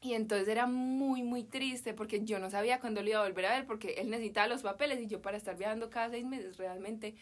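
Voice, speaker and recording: A young Medellín woman, speaking quickly in a fairly high, steady voice with few pauses, chats casually as a podcast guest. She tells an emotional story thick with Colombian slang.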